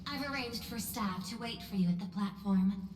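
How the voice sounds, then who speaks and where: A woman playing a poised, shrewd corporate executive in a video game, speaking in a formal, diplomatic, measured way. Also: mid-range voice, lightly acted. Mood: composed, welcoming. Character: poised, courteous, shrewd female corporate executive and planetary governor. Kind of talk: video game story voice acting. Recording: roomy long reverb, music behind.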